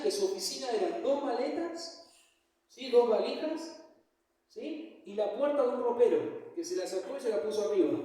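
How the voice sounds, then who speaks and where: A man with an Argentine accent preaches in a loose, joking way, checking in with his listeners at every turn. His voice sits high for a man. It rings through a large church hall and is picked up from far off, with a long, booming reverb. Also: mellow. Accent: Argentine Spanish. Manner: conversational, joking, checks in with frequent "¿sí?". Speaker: pastor. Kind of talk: sermon.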